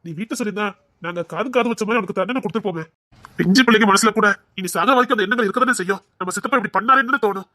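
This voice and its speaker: A man's voice: sits high, very fast, bright, forceful tone, no echo. A man acting a stern in-law who scolds a young woman, with a Tirunelveli Tamil accent and a reproachful manner. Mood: angry scolding.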